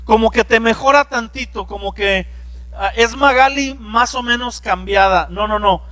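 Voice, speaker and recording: A middle-aged pastor delivers a sermon in a conversational way, weaving in personal stories. His voice is high for a man and bright, with a forceful edge. The sound is dry and close. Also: moderate pace, no room sound. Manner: conversational preaching with personal anecdotes.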